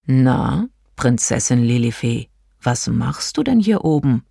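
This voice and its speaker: Lady putting on a sleepy old moon guy, low slow riddle-y voice, a bit husky, audiobook. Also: no echo, clean studio sound, heavily acted. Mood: calm, mysterious. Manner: slow, calm, speaking in riddles. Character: sleepy wise old male moon, deep and mysterious. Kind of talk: audiobook character voice.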